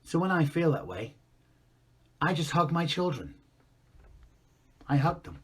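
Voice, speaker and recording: An actor playing a grown man recalling a harsh father in a quiet, reflective monologue. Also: on the high side, big pitch swings, unhurried, slightly rough, full character voice. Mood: wistful. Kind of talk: dramatic monologue.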